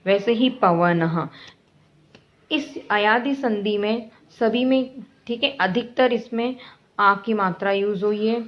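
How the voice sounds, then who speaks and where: A woman's voice: medium pitch, slow pace. A woman teacher explaining grammar to children, repeating each example patiently and often checking that her pupils follow. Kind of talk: classroom grammar lesson. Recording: dull lo-fi recording.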